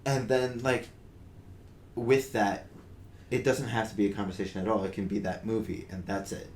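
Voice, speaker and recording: Earnest and casual, this young podcast co-host talks with lots of fillers and restarts. His voice is on the low side, a little mellow and flat, at a moderate pace, in a roomy recording with faint noise.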